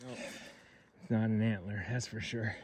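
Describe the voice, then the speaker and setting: A man talking casually to the camera while hiking outdoors, out of breath and halting from the climb. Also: fairly low pitch, flat delivery, a little mellow, slight background noise. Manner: winded from hiking uphill, halting delivery. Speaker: vlogger sharing his cancer story. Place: outdoors on hilly trails.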